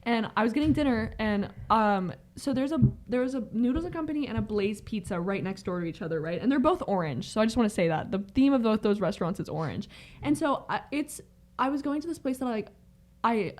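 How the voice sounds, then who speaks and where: A woman's voice: mid-range voice, animated, quick pace, darkish tone. A young woman co-hosting a podcast, telling a rambling story in casual chat and leaning hard on "like". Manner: rambling storyteller, heavy "like" filler. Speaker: podcast co-host.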